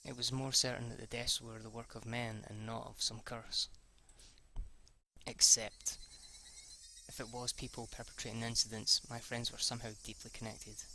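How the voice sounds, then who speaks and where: In poor audio with a little hiss or hum, a man of medium pitch reads a visual novel aloud at a moderate pace, his tone level, bright, and forceful. Acting as an amateur let's player, he stumbles, restarts, and rereads lines, reacting spontaneously with casual swearing.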